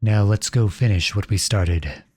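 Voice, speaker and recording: Resigned in mood, this man plays a noble, protective outlaw prince in a heartfelt, dramatic ASMR roleplay, addressing listeners he can't see as a young exile devoted to the one he loves. The soft, husky voice sits lowish and moves a little slowly, recorded dry and close on a studio-style mic without echo.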